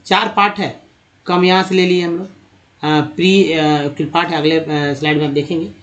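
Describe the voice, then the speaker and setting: A man teaching a spoken lesson over slides. He explains step by step, repeats words slowly and calls his viewers friends. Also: on the high side, fairly even intonation, a bit bright, dull audio. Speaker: English teacher.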